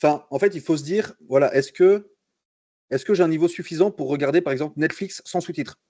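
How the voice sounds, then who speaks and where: Young French guy, easygoing and jokey, mid-pitch voice, dry slightly muffled sound. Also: brisk, dry recording. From France. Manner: relaxed, joking, many fillers and restarts. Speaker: guest concept artist. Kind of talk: casual storytelling in a livestream interview.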